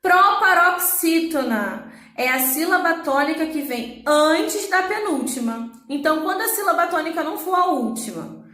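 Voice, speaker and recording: A woman's voice: extremely high pitch, expressive, normal speed, pushed and bright, reverberant. A woman teaching a Portuguese lesson, explaining patiently and checking in with her students. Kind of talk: recorded online class.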